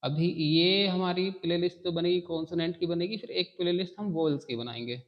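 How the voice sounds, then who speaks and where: A man's voice: sits high, brisk, lo-fi sound. A man teaching a beginner phonics lesson, repeating key phrases and checking in often with his students.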